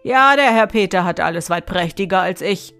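A woman's voice: on the low side, animated, normal speed, a bit bright, soft background music. Woman reading a sulking storybook king. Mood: resigned. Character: sulking old king, grudgingly humbled.

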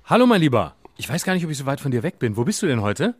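Male podcast co-host, deadpan absurd humor, animated pitch, dry close sound. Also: very fast, slightly rough, no echo. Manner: deadpan absurd joking, rambling. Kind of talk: casual comedic banter.

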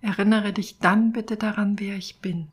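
A woman voicing a devoted friendly soul in a storybook reading, speaking softly and tenderly, at times in a whisper. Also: a little high, normal speed, lightly acted.

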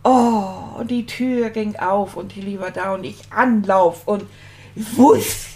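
A woman plays a small, earnest boy rat telling children about being homesick, in a soft and sincere voice. He talks at an unhurried, drawn-out pace, lingering over each thought as if sharing a secret. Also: mid-range voice, steady tone, slight background noise. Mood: sheepish. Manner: slow, confiding storytelling to children. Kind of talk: children's puppet storytelling.

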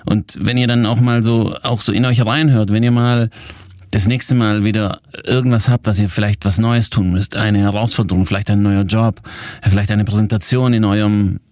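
A man's voice: fairly low pitch, a little mellow, dry recording, studio quality. A man in his forties, a coach, speaking candidly and reflectively about his own experience in a casual motivational talk. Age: 40s.

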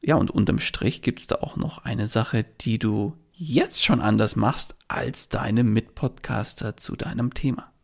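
A man's voice: medium pitch, a little slow, gravelly, hardly any pauses, husky. A man hosting a solo podcast, telling a client story and coaching listeners directly in a chatty way, with many filler words. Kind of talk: solo podcast monologue with advice.

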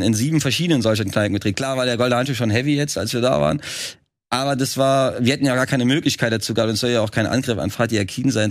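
A man's voice: medium pitch, no room sound, clean studio sound. A man from Germany, a filmmaker guest, talking in a casual podcast conversation with many restarts and fillers.

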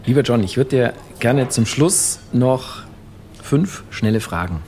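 A male host in a casual bar conversation with a gravelly, mid-pitched voice. He listens closely, drops in murmured affirmations and asks short, quick-fire questions. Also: expressive, darkish tone, soft background music. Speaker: interview host.

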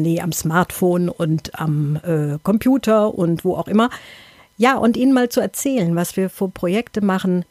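Woman podcast host, lowish voice, chatty n rambly, cuts herself off with little wry asides, dry close sound. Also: a little mellow, no echo. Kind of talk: chatty solo podcast introduction.

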